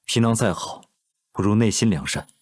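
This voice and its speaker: An actor playing an indulgent, commanding emperor in a costume drama, with stately, measured speech and a husky voice. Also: male voice, on the low side, expressive. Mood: tender, earnest. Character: indulgent, commanding emperor devoted to his consort.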